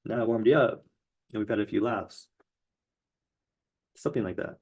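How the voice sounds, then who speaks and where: A man's voice: fairly low pitch, normal speed, a little mellow, slightly rough. A man teaching tarot card meanings in a loose, rambling explainer with many fillers. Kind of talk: casual explainer lesson.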